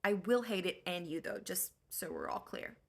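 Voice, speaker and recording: A woman's voice: on the low side, wildly swooping pitch, normal speed, full character voice. A woman voicing a sassy, fed-up queen who bosses people around in snarky modern slang.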